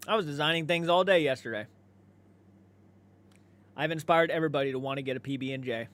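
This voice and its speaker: A man, perhaps in his thirties, hosts a livestream with a slightly high, bit-bright voice at a quick pace. He's laid-back and conversational, swearing freely and responding to viewer comments.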